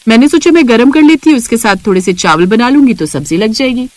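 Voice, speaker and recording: A woman voicing a gentle but firm young bride in a cartoon, speaking earnestly. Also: on the high side, animated, fast talker, no room sound, lightly acted.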